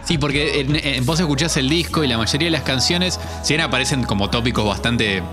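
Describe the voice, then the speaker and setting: A man's voice: mid-range voice, brisk. A man co-hosting a casual music review chat, enthusiastic and often restarting his words. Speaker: podcast co-host.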